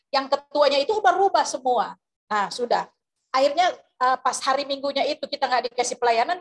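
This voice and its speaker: Woman, high-pitched, rambling testimony sermon, video call audio. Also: a bit bright. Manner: rambling storytelling with many fillers and restarts. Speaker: preacher. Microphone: video call microphone.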